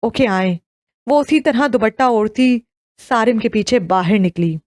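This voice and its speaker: Woman narrator for an audio novel, slightly high voice, dry close read. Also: no room sound. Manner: steady storytelling read.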